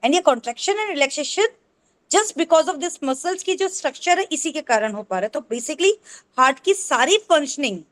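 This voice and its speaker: A woman co-presents an acupressure class over a video call, explaining step by step in a teaching tone and checking in with "ठीक है?". Her voice is high-pitched with lively intonation and a measured pace, and she mixes English into her explanations.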